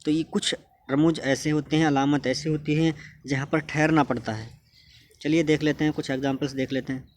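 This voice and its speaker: A man's voice: fairly high pitch, fairly even intonation, a little fast, a little hiss or hum. A man teaching a grammar lesson, patiently asking questions and answering them himself. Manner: patient, asks and answers his own questions.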